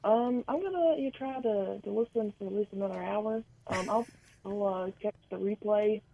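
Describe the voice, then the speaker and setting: Woman over the phone, gravelly voice, muffled phone line, hesitant, casual caller. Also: medium pitch, normal speed. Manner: hesitant, many ums and restarts. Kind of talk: casual chat.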